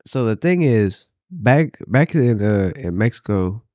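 A man's voice: fairly low pitch, animated, a little slow, warm tone, no room sound, studio quality. A man chatting casually and telling stories in loose, profane slang, often repeating phrases as he builds them up. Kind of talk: casual banter and storytelling.

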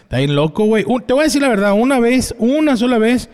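A man's voice: extremely high pitch, quick pace, smooth. A man from Culiacán, telling stories in a casual chat full of slang. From Mexico, Culiacán. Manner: animated storyteller, heavy slang.

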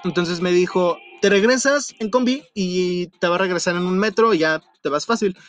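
A young man with a Mexico City accent casually telling a personal story, full of slang and frequent laughter. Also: moderate pace. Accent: Mexico City Spanish. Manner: animated, slangy, laughs often, jumps to falsetto in retellings. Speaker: vlogger. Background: faint music.

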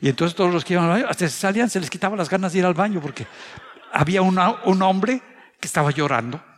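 A man's voice: high voice, animated, fast. A middle-aged Mexican man preaching a sermon, earnest and confessional, sharing personal stories. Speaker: pastor. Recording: reverberant hall sound.

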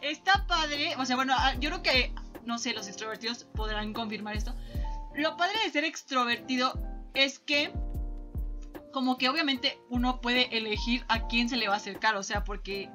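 A young woman with a Mexican accent, co-hosting a casual chat podcast, bubbly and quick to laugh. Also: fairly high pitch, sharp tone, faint music behind. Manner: bubbly, laughs often, slangy filler "o sea". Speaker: podcast co-host.

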